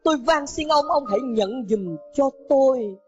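A man's voice: extremely high pitch, lively intonation, moderate pace. A man telling a moral story, voicing a poor, sick older mother who pleads through tears. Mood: tearful pleading. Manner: pleading, sobbing. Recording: dull lo-fi with background music.

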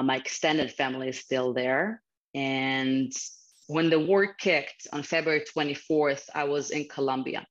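A woman in her thirties with a Ukrainian accent, speaking earnestly and from the heart as a guest speaker over a video call from a small office. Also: low-pitched. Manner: earnest, heartfelt, slightly non-native phrasing. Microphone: video call webcam. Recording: slightly muffled video call audio.

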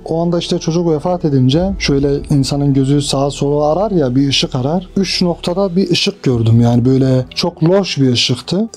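A young man calmly and reflectively recounting his time trapped under rubble, in a measured testimony. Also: a little high. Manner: calm, reflective, measured retelling. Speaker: earthquake survivor. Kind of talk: personal testimony interview.

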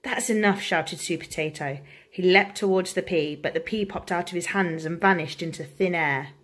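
A woman, a primary school teacher, reading a picture book aloud to children in an expressive, engaging way. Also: lowish voice, normal speed.

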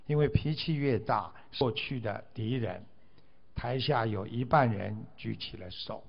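A man's voice: medium pitch, measured pace, gravelly. A man giving a Buddhist dharma talk, exhorting his listeners and stretching out drawn 'ah' particles between phrases. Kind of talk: sermon. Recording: dull lo-fi recording.

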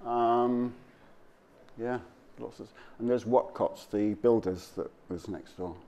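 A male local history presenter gives an informal slide talk to an audience, speaking in a halting, conversational, off-the-cuff manner. His voice is medium in pitch and warm in tone.

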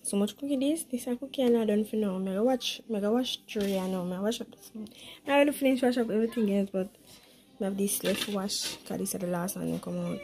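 Talking fairly quickly in a mid-range, darkish voice, a Jamaican home vlogger chats informally about cooking in her kitchen and drifts into Patois. The handheld phone she holds behind the camera picks up noise and clicks.

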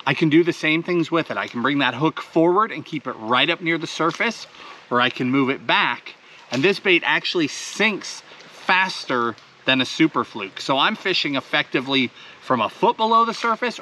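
Sitting on a boat on a lake outdoors, an enthusiastic fishing host in his thirties walks the camera through his gear step by step. His voice is fairly high and sharp, with slight background noise.

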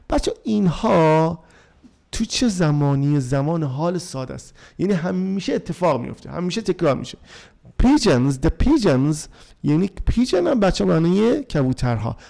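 Persian-accented male English teacher, fairly high, lively voice with gravel, slow careful reading, translating for kids. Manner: reads English lines slowly, then translates; addresses the class as kids. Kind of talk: explaining textbook vocabulary to students.

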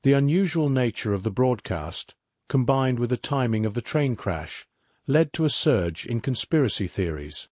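A man reading scripted narration for an online mystery series in an even, measured documentary manner. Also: mid-range voice, dry recording, studio quality.

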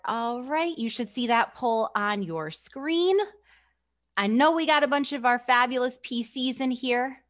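New woman hosting a zoom webinar, bit high voice, chatty, laughs a lot. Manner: chatty, upbeat, laughs often, many fillers. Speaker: webinar host for school staff. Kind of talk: casual presenting on a video call. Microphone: video call.

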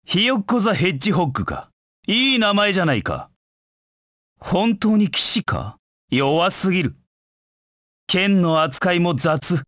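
A proud young male hedgehog warrior from a video game, cold and disdainful. He speaks slowly and curtly in battle lines, as an arrogant rival knight would. The sound is close and dry. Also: sits high, big pitch swings, fairly bright tone, no echo, exaggerated voice. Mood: scornful.

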